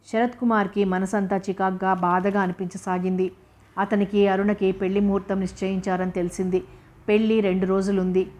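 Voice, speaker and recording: Female audiobook narrator, steady and flat, plain storytelling read. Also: mid-range voice. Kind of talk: reading a novel aloud.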